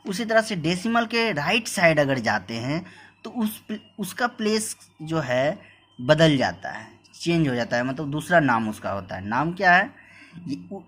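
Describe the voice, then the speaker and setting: A man teaching a maths lesson, explaining step by step, repeating points and reading numbers out slowly. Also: on the high side, very animated, fairly bright tone. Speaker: math teacher. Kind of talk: whiteboard lesson.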